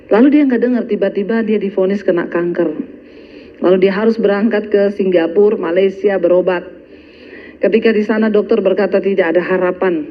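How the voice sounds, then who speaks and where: A woman pastor preaching an animated sermon and telling stories, in a slightly dull recording. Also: medium pitch. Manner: animated storytelling preacher, addresses the congregation directly.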